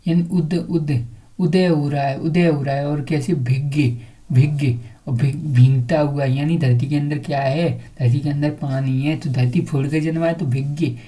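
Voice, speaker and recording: Woman teacher, low warm voice, repetitive question-and-answer drilling in an exam prep lesson.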